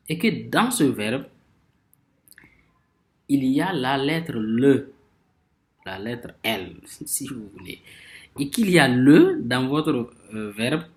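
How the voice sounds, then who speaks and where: A man teaching a grammar lesson, speaking slowly and repeating words as he searches for phrasing, stressing example words emphatically. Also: medium pitch. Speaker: language teacher.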